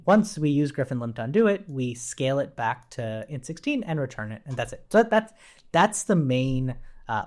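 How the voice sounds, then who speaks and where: Seated at a computer indoors with keys clacking, a male programming instructor talks through a casual coding lesson. He reasons out loud, circles back over phrases and checks in along the way, his mid-range voice a little mellow.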